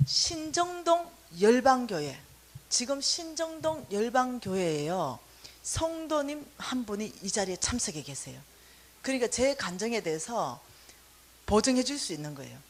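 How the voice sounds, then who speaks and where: Woman, testimony sermon, lively storytelling, acts out dialogue, highish voice. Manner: animated storytelling, acting out dialogue. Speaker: lay minister giving a testimony.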